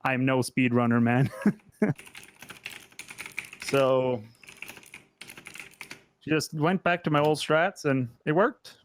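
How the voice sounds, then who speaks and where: A man's voice: mid-range voice, steady tone, takes it slowly, pauses often. A man who just played in a gaming tournament, chatting casually about his strategy. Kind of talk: casual chat.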